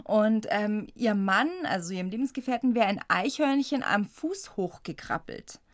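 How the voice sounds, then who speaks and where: A woman from the Munich area in Germany appears as a guest on a radio interview, recounting her squirrel rescue story in a chatty way and laughing often. Her voice is medium in pitch and moderate in pace, and the recording is dry and studio quality.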